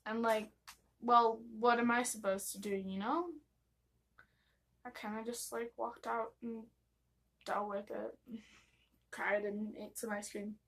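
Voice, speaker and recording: A woman's voice: fairly high pitch, little pitch movement, slow, pauses often, fairly bright tone. A young American woman telling personal stories in a casual vlog, gossipy, giggly and rambling, acting out bits of dialogue as she goes. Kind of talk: casual confessional storytime.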